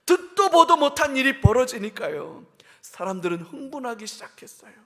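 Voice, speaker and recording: A male pastor preaching a sermon, asking the congregation questions and dropping from loud emphatic bursts to hushed whispers. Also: extremely high pitch, big pitch swings, normal speed. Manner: addresses the congregation directly with questions. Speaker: senior pastor.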